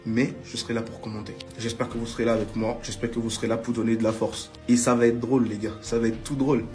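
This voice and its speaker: A man chatting calmly and wryly to viewers on match day, asking them questions. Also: medium pitch, fast talker, music in the background. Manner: calm, wry, asks viewers questions. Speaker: football content creator. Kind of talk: casual match-day chat.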